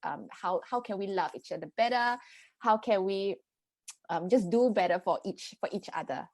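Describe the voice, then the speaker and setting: Speaking at a normal pace in a medium-pitched voice, a woman in her thirties from Singapore explains her parenting-coach ideas as a podcast guest. Her manner is earnest, full of fillers and restarts, and the recording is dry.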